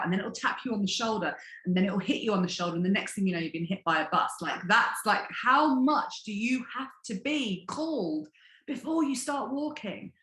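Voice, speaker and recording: A woman wellness coach teaching in conversation, telling stories in an expressive, animated way. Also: medium pitch, roomy sound.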